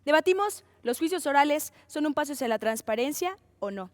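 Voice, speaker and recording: A woman hosting a televised university debate show in a formal, brisk announcer style. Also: high voice, expressive, no room sound. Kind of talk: scripted TV hosting.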